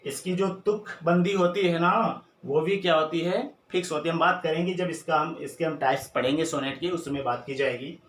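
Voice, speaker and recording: A man's voice: a little high, moderate pace, few pauses, a bit bright. A man teaching an exam-prep lesson, who keeps repeating key terms and asking rhetorical questions. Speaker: English teacher. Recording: echoey room with faint noise.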